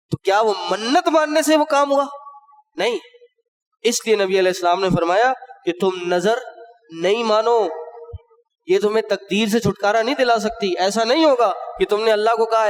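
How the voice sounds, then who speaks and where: A male preacher giving a Friday sermon, explaining rulings step by step and asking and answering his own questions. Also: high-pitched. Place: mosque. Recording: long hall reverb.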